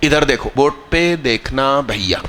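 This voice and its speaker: A man teaching math live to a class, quizzing students, drilling terms slowly and scolding anyone not paying attention. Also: medium pitch, animated, fairly bright tone, slight background noise. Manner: scolding, teasing students mid-lesson.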